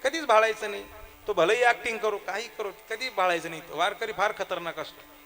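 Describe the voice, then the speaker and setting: A male devotional preacher telling a story in a sermon, dramatic, swinging between loud cries and hushed asides, on a stage microphone. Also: high-pitched, fairly quick, over music. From Maharashtra. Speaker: kirtan preacher. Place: stage at a crowded kirtan with loudspeakers.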